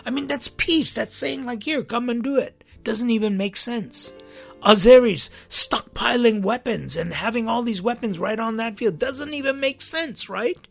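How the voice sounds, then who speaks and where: A man's voice: very high voice, moderate pace, creaky, faint music behind. A man preaching a sermon with passion, repeating phrases for emphasis.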